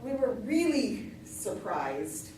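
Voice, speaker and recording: Middle-aged female storyteller, higher-pitched, folksy tall-tale delivery with tongue in cheek, captured in a very echoey room. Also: very animated, slow, darkish tone. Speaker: storyteller in a tall tales contest. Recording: echoey room from far off, noisy.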